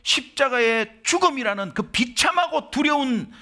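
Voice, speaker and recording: A man's voice: very high voice, animated, moderate pace, sharp tone. A middle-aged man from Korea, a pastor preaching an impassioned sermon full of rhetorical questions.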